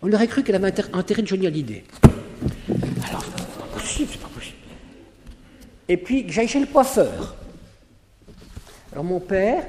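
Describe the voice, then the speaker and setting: A man, a priest, giving a sermon in lively storytelling style, acting out both sides of his conversations. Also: fairly high pitch, a little hiss or hum. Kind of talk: sermon with anecdotes. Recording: long hall reverb.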